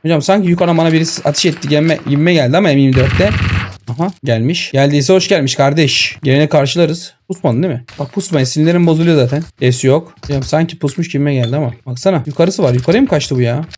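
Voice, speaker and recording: A man giving excitable live commentary over his own shooter gameplay, talking to his viewers and shouting at enemies, on a headset mic. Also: a little high, quick pace, slight background noise. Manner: excitable, talks to viewers and to the enemy. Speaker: gaming streamer. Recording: game sounds and gunfire behind.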